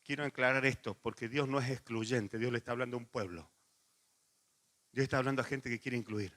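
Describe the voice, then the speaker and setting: A middle-aged man with a Rioplatense Spanish accent preaching a sermon, moving from lively anecdotes to hushed, earnest appeals. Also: mid-range voice, a little fast. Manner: animated storytelling with laughs, then quiet intimate pleading. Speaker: pastor.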